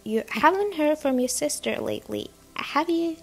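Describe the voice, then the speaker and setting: A woman's voice: sits high, lively intonation, moderate pace, creaky, background noise, voice pushed up. A woman voicing a nervous, stiff middle-aged husband in a whispered role-play, hesitant and mumbling.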